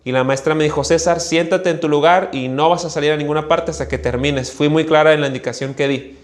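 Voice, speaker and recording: A Mexican-accented pastor tells a personal story from the pulpit and acts out the voices in it. His voice sits on the higher side for a man. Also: brisk. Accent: Mexican Spanish. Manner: animated storyteller, acting out voices. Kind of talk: storytelling sermon.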